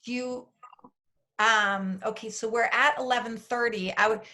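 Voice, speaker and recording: Upbeat woman activity leader on a video call; high, bright voice, encouraging. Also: steady tone, moderate pace. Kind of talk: casual video-call session.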